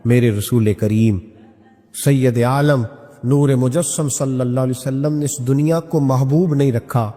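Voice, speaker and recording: A man's voice: mid-range voice, steady tone, warm tone. A man preaching an impassioned sermon full of rhetorical questions. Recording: reverberant hall with faint music.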